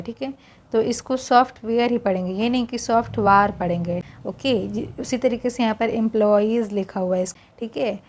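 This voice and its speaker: A woman teaching an English reading lesson, reading each word slowly aloud and explaining how to pronounce it. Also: medium pitch, warm tone. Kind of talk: slow classroom read-aloud lesson.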